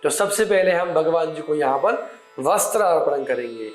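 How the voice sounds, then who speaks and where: A man guiding a puja step by step, with slow, measured Sanskrit mantra chanting. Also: on the high side, lively intonation. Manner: slow, measured recitation of mantras and name litanies. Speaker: puja instructor. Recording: echoey room with soft music behind.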